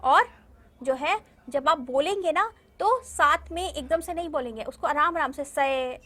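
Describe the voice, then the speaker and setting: A high-pitched woman teacher leads a recorded video lesson for small children. She drags out each syllable and repeats words over and over. She keeps checking in patiently to see if they follow. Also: bright, forceful tone. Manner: slow, drawn-out syllable-by-syllable pronunciation drills, repeating words; patient, coaxing, checks understanding with "ठीक है?". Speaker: primary school Hindi teacher.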